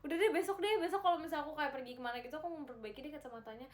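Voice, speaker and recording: Chatting casually as a livestream host, a young woman reads out viewer comments while giggling and repeating herself. She speaks very fast in a high-pitched voice.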